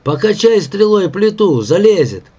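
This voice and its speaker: Guy doing a chill joking young foreman, slow, voice jumps around. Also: high-pitched, husky, voice pushed up, heavily acted. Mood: shouting. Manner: calm friendly banter. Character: easygoing male young foreman, joking, patient. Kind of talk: audiobook character voice.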